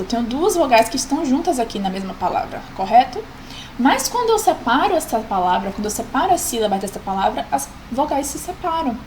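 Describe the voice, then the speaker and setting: High-voiced patient woman teaching grammar. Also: a little mellow, a little hiss or hum, poor audio. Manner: patient, checks in with "ok?". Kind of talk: explaining a grammar lesson.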